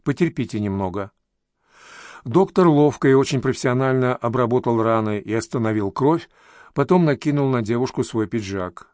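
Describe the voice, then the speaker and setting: A man's voice: medium pitch, brisk, a little mellow, no echo. Man reading a story in a dry voice. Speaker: audiobook narrator. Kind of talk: scripted narration.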